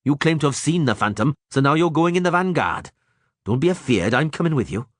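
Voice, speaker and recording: A man voicing a gruff, bold male dwarf warrior in a fan audiobook, talking in a blunt, blustering way with folksy words. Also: fairly high pitch, sing-song, brisk, dry recording, studio quality, voice pushed up. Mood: determined.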